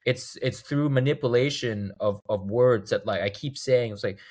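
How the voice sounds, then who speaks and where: A man in his thirties from Thailand, a guest chatting casually in an interview and acting out examples as he talks. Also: moderate pace. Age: 30s. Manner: animated storyteller, acts out quoted lines in a higher voice. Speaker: guest, video game composer.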